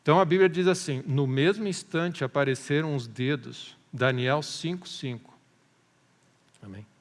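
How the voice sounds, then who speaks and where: Man, preaching, lively storytelling, slightly high voice, church hall echo. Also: moderate pace. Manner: animated storytelling, asks "amém?" often. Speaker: pastor. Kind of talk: sermon. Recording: long reverb of a church hall.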